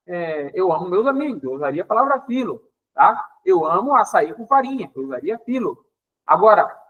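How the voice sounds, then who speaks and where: Man with a Pará accent, high voice, teaching a Bible lesson with constant "tá?" check-ins and playful exasperation. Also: muffled recording. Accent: Paraense Brazilian Portuguese. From Pará, Brazil. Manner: explanatory, with frequent "tá?" check-ins; lively, acting out dialogue with playful exasperation. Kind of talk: Bible lesson explaining Greek words.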